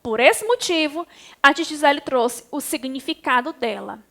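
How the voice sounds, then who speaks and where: A woman's voice: high voice, animated, normal speed, gravelly, a bit bright. A Brazilian woman teaching a class to young children, speaking patiently and affectionately and guiding them step by step. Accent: Brazilian Portuguese. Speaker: primary school teacher.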